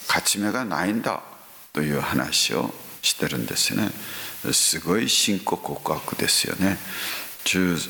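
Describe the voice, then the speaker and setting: Man preaching, very low voice, bright and forceful tone, unhurried, echoey hall with faint hiss. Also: animated, vocal fry. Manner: slow preaching with frequent hums and rising exclamations. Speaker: pastor. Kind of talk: sermon.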